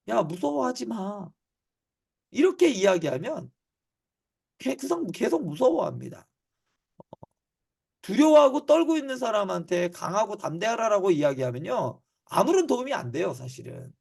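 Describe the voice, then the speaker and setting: A man's voice: high voice, vocal fry. A man preaching a teaching sermon to cell leaders, emphatic, repeating key phrases and answering his own questions. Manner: voices God's words in casual reassuring speech.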